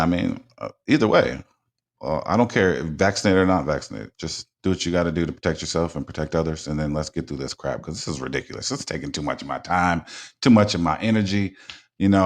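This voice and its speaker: A man hosting a casual talk radio show, blunt and informal, rambling with frequent restarts and repeated words. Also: deep voice.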